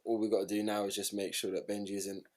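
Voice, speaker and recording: A man co-hosting a fitness podcast, a personal trainer talking in a relaxed, jokey way. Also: on the low side, quick pace. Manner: relaxed, jokey, fillers like "you know". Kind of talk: casual chat.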